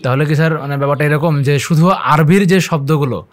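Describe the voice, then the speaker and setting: A man's voice: on the high side, a little fast. A male talk-show host who speaks politely, often affirming and prompting his guest, and addresses the viewers. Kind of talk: hosting a live talk show.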